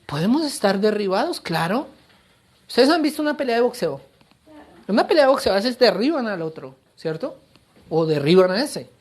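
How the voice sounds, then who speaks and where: Husky-voiced male pastor preaching. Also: sits high, moderate pace. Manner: animated, playful preaching that acts out voices. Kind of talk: sermon.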